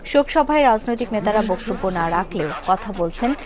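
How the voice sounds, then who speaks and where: A woman's voice: mid-range voice, expressive, brisk, a crowd in the background. Woman news anchor reading formally. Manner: formal, clear studio delivery. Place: TV news studio.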